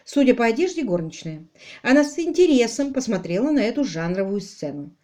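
A woman's voice: a little high, a little fast. A woman narrating an audiobook expressively, acting out the dialogue. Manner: animated, acts out dialogue. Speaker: audiobook reader.

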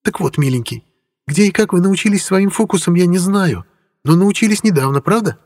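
A husky young witch, put on by a male reader in an audiobook, her voice lifted well above his own. She talks in a teasing, knowing, mock-patient way. A long hall reverb trails behind every line. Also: high voice, expressive, fairly quick, a little mellow, voice pushed up. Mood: coaxing. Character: young woman witch, sly, coaxing, sharp-tongued. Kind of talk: audiobook character voice.

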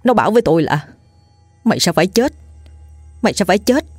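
A woman's voice: mid-range voice, very animated, quick pace, husky, no echo, soft background music, voice pushed up. A woman voicing a frightened middle-aged village man who speaks in a trembling, panicked way. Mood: terrified.

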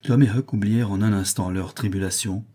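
A man narrating an audiobook in a steady, measured way. His voice is low, dark and mellow, with a husky grain. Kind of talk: audiobook reading.

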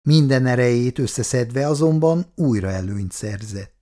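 A man reading a novel aloud, narrating and voicing all the characters. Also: mid-range voice. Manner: expressive storytelling. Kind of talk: audiobook reading.

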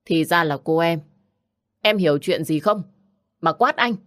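A woman's voice: fairly low pitch, lively intonation, unhurried, fairly bright tone, no room sound, clean studio sound. A woman reading the part of a hot-tempered young man with a harsh, mocking manner in an audiobook. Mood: scornful.

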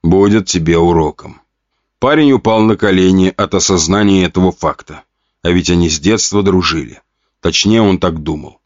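A male audiobook narrator with a low voice and a steady reading style. The sound is dry and slightly dull, close to the mic. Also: normal speed, no room sound. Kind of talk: scripted narration.

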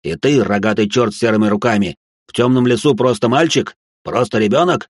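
A man's voice: fairly low pitch, brisk, no echo, clean studio sound, lightly acted. A man voicing a hostile armed village poacher who barks threats. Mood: suspicious. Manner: barking and threatening.

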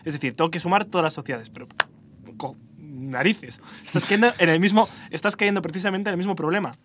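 Hosting a philosophical podcast debate on art, a Spanish-accented man speaks fast in a high-sitting voice. He's animated and explanatory, frequently revising what he's just said. There's noise in the background.

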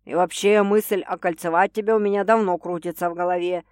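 A woman reading an audiobook, voicing a teasing, domineering young man who speaks slowly and wryly. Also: fairly even intonation, a little mellow, no echo, studio quality, natural voice. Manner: slow, low and wry. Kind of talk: audiobook character voice.

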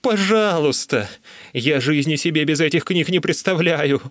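A man doing a frantic shrill pleading youth. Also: sing-song, normal speed, a bit bright, dry recording, studio quality.

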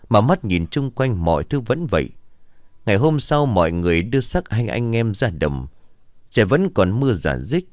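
Man, low voice, lively pitch, expressive ghost-story narration, dry close sound. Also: no room sound.

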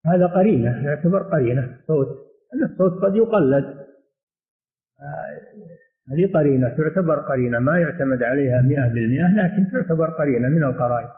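A man teaching a religious lesson and answering questions, speaking in a measured way and often repeating his phrases. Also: on the high side, expressive. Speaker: sheikh teaching hadith commentary. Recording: echoey room over a tinny phone-like line.

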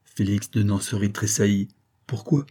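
A man reading a classic novel aloud as an audiobook narrator, in a measured, even storytelling manner. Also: lowish voice, husky. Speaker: audiobook reader.

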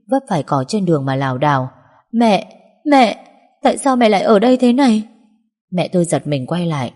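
A woman's voice: deep voice, mellow, breathy edge. A woman narrating a first-person story in an earnest, emotional way, with long hall reverb.

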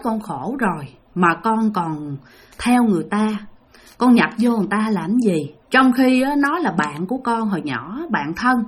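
A woman voicing an older male spirit healer who speaks softly and gently. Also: mid-range voice, slightly rough. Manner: soft, gentle, coaxing.

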